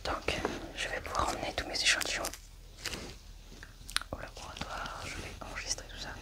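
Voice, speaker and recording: In a soft, hushed ASMR medical roleplay, a woman plays an examiner and narrates her own actions unhurriedly, at a normal speed.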